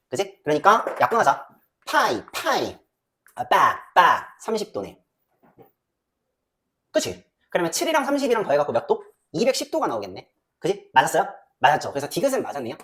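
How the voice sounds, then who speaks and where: A woman teaching a math class, talking students through the steps with quick questions and muttering as she works out the numbers. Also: on the low side. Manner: lively, banmal with quick questions to students, muttering while calculating. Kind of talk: classroom lecture.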